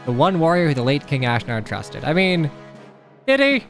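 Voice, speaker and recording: A man's voice: a little high, animated, a little fast, soft background music. A man giving casual, wry commentary as he plays through a video game. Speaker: game streamer.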